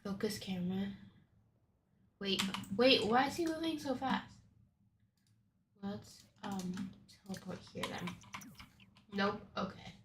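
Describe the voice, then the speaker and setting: A young woman streaming a game with casual, chatty commentary, her nose stuffy from a cold and her talk breaking into bubbly bursts of excitement. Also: mid-range voice, slow pace, pauses often, noisy background.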